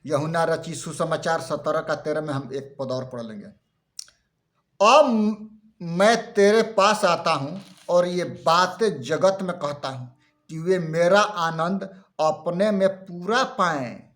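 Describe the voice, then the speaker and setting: Male preacher, high voice, unhurried delivery, fervent sermon tone. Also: fairly bright tone. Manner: fervent preaching, reads Bible verses aloud. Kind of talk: Hindi Christmas sermon.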